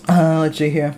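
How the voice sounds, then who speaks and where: An American man reads live stream chat out loud and replies to viewers casually, repeatedly restarting his words. His voice sits a little high and sounds mellow.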